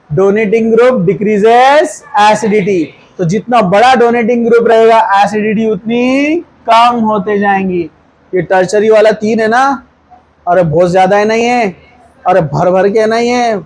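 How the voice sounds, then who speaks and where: A man's voice: sits high, moderate pace, rough recording. A man teaching a chemistry class in a classroom, quizzing students repeated questions and coaxing them toward the answers. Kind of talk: classroom lecture.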